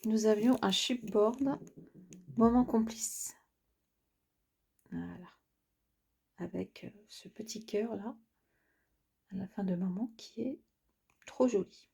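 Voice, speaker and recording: A woman's voice: mid-range voice, takes it slowly, gravelly, long pauses, dark tone, breathy edge. A woman chatting casually to her viewers as she unboxes craft items, hesitating often with filler sounds. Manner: chatty, addresses the viewer directly. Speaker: craft vlogger.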